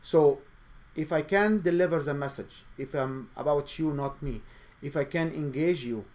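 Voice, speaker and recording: A man hosts his own show as a speaking coach, delivering an earnest motivational monologue in English with a noticeable accent and some non-native grammar. His fairly high voice has a darkish tone at normal speed.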